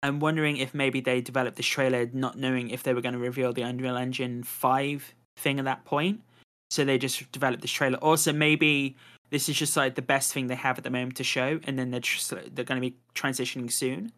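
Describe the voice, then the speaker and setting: A man hosting a relaxed podcast, chatting about games and shows. He rambles easily, stacking fillers and tacking "to be honest" onto his thoughts. His voice sits at an ordinary middle pitch. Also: fairly quick. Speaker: podcast host. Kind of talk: casual chat.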